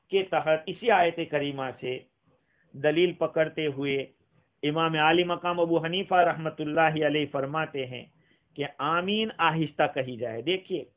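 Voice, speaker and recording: A man delivers a religious lecture on scripture, explaining points emphatically and dropping wry, teasing asides to his audience. His voice sits a little high for a man and he recites Arabic verses along the way. The sound is thin and tinny, like a phone line. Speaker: mufti teaching Quran commentary. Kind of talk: religious lecture on Quran commentary.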